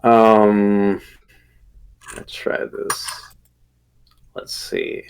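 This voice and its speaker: Slow, creaky man thinking aloud. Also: lowish voice, level tone. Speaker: tabletop game player. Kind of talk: casual game chat.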